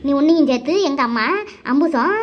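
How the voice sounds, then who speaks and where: Woman playing a gossiping cartoon village aunt, high voice, quick talk. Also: close to an everyday voice. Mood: prying. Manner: nagging, sarcastic, drawn-out complaints. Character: sharp-tongued gossiping middle-aged village aunt. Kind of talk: cartoon voice acting. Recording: dull lo-fi recording.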